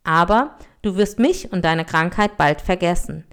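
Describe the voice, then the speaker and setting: Life, a wandering healer spirit, speaks in a calm, measured, solemn voice, as a woman reads it aloud. It is a plain storybook reading. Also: lowish voice, smooth. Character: Life, a wandering spirit who heals and tests people.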